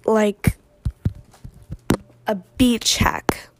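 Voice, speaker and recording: A woman's voice: mid-range voice, extremely slow, creaky, whispered. A woman asking casual interview questions at home, laughing often between them.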